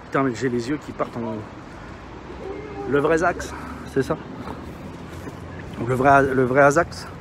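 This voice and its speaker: A man with a mid-pitched voice talks casually to his stream while walking outdoors. He is audibly winded, and his slangy talk rambles along over a light bed of city and traffic noise. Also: measured pace, long pauses. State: out of breath, panting from walking. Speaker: live streamer. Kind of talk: casual chat to livestream viewers while walking. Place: outdoors, walking in an urban area. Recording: noisy outdoor street sound with traffic.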